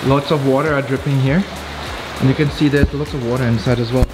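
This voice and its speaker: A man's voice: mid-range voice, steady tone, fast talker, over music. A man on a caving trip, talking casually on camera inside a cave with a teasing, joking manner. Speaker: travel companion on a caving trip. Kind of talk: casual vlog chat.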